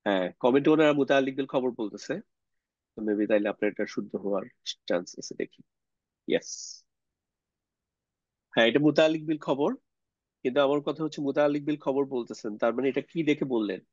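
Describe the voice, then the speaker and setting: Male online teacher, explains step by step and quizzes students, mid-pitched, dry lo-fi mic. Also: a little mellow, dry recording. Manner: explains slowly, poses questions to students, mixes English words. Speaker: Arabic grammar teacher. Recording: dull lo-fi sound, dry.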